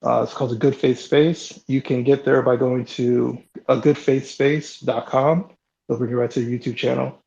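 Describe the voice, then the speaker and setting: Hosting a live online audio chat while sick, a man wraps things up with casual closing remarks, relaxed and hesitant, full of ums and restarts. His mid-range voice, deeper than usual from illness, has vocal fry and a normal speed. The online audio is slightly dull and lo-fi.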